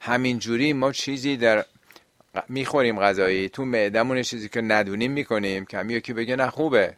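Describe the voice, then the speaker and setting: A man's voice: mid-range voice, fairly bright tone, dry recording. A man teaching and answering listeners' questions on religion, explaining at length and often asking rhetorical questions.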